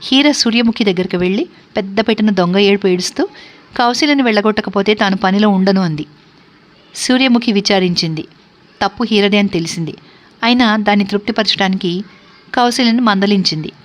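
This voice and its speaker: A woman storyteller narrating a classic novel in a steady, measured reading voice. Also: mid-range voice.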